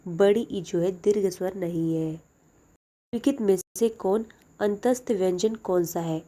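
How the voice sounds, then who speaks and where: A young woman with a mellow, warm voice runs through exam-prep questions one after another. She reads each question aloud and then gives its answer in a plain, steady way. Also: medium pitch, unhurried. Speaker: teacher.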